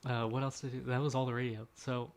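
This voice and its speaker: A man's voice: mid-range voice, little pitch movement, quick pace. A young man in his twenties chatting casually as a podcast co-host, rambling and self-deprecating, laughing often. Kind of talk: casual chat.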